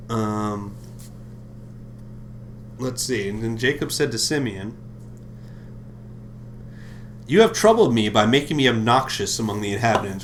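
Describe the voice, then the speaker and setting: A man's voice: mid-range voice, slight background noise. A man hosting a livestream, reading scripture aloud and breaking off into mocking, profane comedic asides. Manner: profane, mocking asides between read passages. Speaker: livestream host.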